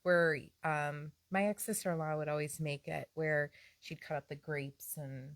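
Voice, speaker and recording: A woman's voice: low voice, steady tone, a little slow, no echo. A woman co-hosting a casual home podcast, chatting and teasing her husband in a rambling way. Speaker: podcast co-host. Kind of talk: casual couple banter. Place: at home on a Sunday.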